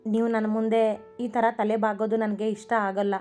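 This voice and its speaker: A woman voicing an affectionate young wife who gently scolds her husband in a storybook reading. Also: mid-range voice, little pitch movement, normal speed, close to an everyday voice. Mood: gently scolding. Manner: concerned, gently chiding. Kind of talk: storybook narration with voiced characters. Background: faint music.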